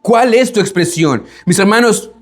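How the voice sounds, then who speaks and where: Male preacher with a high voice, emphatic, keeps asking the congregation questions. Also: normal speed, soft background music. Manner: emphatic, asks the listeners many rhetorical questions; repeats words for emphasis. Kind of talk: sermon.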